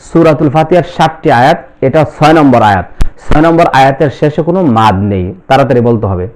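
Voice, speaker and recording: A man with a Bangladeshi accent teaching Quran reading, spelling out each letter and vowel and then repeating the syllables in a slow recitation lesson. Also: a little high, expressive, darkish tone.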